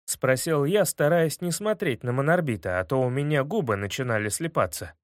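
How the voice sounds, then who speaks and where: A man narrating a children's audiobook in a lively, expressive storytelling manner. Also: mid-range voice, moderate pace, no room sound, clean studio sound. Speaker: audiobook reader.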